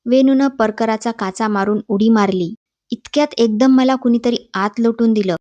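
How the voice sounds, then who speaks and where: A woman narrates a children's textbook story in a clear, measured reading. Her voice sits a little high. The voice-over is dry and somewhat dull. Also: warm tone, dry recording.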